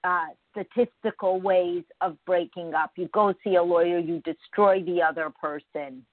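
A woman with a voice on the low side hosts a morning show, speaking conversationally and emphatically straight to her listeners in a reflective spiritual monologue. The sound is phone-quality, with no room sound.

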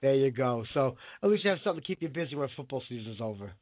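A man's voice: medium pitch, lively intonation, very fast, dry recording. Sick-voiced male radio host, phone-like sound. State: sick with a cold, voice worn. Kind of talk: casual live radio show chat. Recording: phone-like lo-fi audio.

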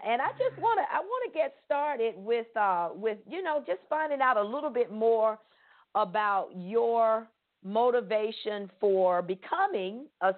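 Earnest woman host on a tinny line. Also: mid-range voice. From Pensacola, Florida. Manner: earnest and enthusiastic, repeating words for emphasis. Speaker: podcast host. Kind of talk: hosting a faith-based podcast interview. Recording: tinny phone-like sound.

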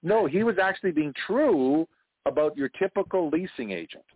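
His voice runs on the high side, expressive and slightly rough, at a normal speed. A Canadian franchise consultant, he's a guest on an interview call, chatting casually with plenty of stories, jokes, and laughter. The recording is dry, through a tinny phone line.

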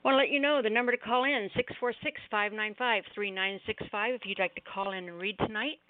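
A woman's voice: mid-range voice, fairly quick. A middle-aged woman hosting a poetry open mic show, chatting through announcements in a rambling, apologetic way, her articulation slightly off after jaw surgery. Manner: rambling, apologetic, self-interrupting. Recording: thin, roomy phone-line sound.

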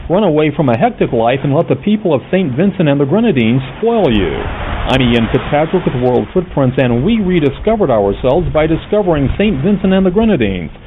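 Male radio host reading promos, lively pitch, phone-like sound over clear music. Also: a little fast, a little hiss or hum. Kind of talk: scripted announcement.

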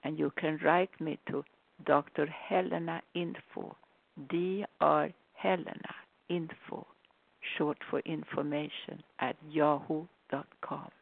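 A spiritual author and meditation guide speaks in a low, creaky voice with fairly even intonation, shifting between inspirational talk and guided relaxation. She is unhurried and soothing, repeating her phrases, and the recording sounds dull and narrow, like a phone.

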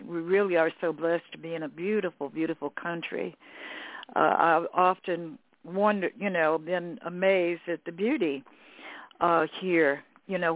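A woman's voice: on the low side, no room sound. Lady radio host, rambly and friendly, sounds like a dry phone line. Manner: warm, rambling, with fillers. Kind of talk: radio interview.

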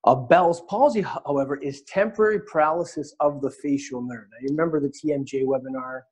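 A man's voice: on the high side, a little fast, darkish tone, breathy edge. A man teaching a live webinar in a conversational way, demonstrating on an anatomy model as he explains. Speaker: webinar instructor.

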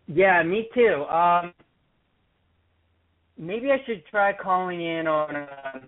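A man's voice: high voice, slow, soft background music. A man talking through a tinny cell phone connection that glitches and drops out every few seconds. He answers as a guest athlete, hesitant and filler-heavy, his words breaking up mid-sentence. The phone line strips his voice down to a thin, narrow sound. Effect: choppy cell phone audio that keeps dropping out. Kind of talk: casual interview over the phone.

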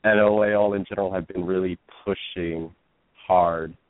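A man's voice: sits low, fairly even intonation, normal speed, no echo. A man, an actor and producer, explaining his work earnestly in an interview. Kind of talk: interview answers. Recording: phone-like line, dry.

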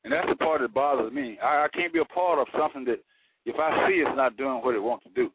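A man's voice: mid-range voice, expressive, quick pace, creaky. Earnest, folksy male caller heard over a thin phone line with static. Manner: folksy, earnest, preacherly, uses homespun sayings. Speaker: radio call-in caller. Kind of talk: casual call-in talk.

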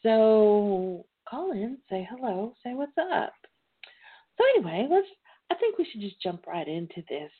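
A woman's voice: medium pitch, very animated, unhurried, husky. Playful woman host on a tinny phone line. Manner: chatty, playful, informal. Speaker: host of a call-in talk show. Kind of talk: casual chat.

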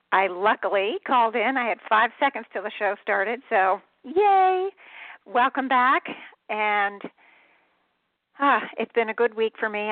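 A woman's voice: medium pitch, dry recording. A woman radio host talking over the phone in a chatty, rambling way, often correcting herself. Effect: calling in over the phone. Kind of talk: casual spoken monologue. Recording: tinny dry phone line.

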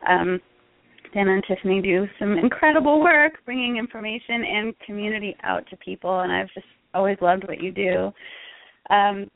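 Over a tinny, narrow-band phone connection, a Connecticut health coach in middle age speaks as an interview guest, chatting about her own story. Her medium-pitched voice is gravelly and moves at normal speed, and the recording is dry.

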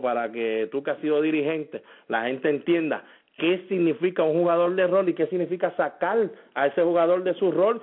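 A man hosts a sports podcast and builds long, casual questions for his co-host. His voice is somewhat high and sounds squeezed through a phone-like line.

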